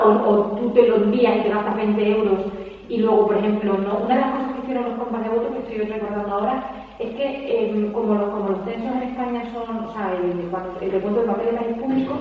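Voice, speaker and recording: Spanish woman, speaker at a book presentation, rapid and animated delivery, long hall reverb, echoey room. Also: fairly high pitch. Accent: Spanish from Spain. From Spain. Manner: animated, rapid, peppers speech with tag questions. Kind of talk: conversational talk to an audience. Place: large hall at a public event. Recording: echoey hall, distant mic, dull sound.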